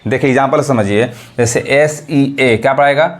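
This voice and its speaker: A man teaching a lesson, asking questions and answering them himself and spelling out letters slowly. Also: mid-range voice. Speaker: English teacher. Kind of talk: classroom-style lesson explanation.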